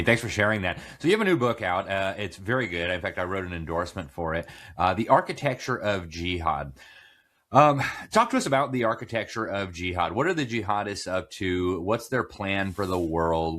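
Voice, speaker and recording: A man's voice: low voice, animated, normal speed, fairly bright tone. A man hosting a political interview, talking conversationally with frequent fillers and hesitations. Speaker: interview host.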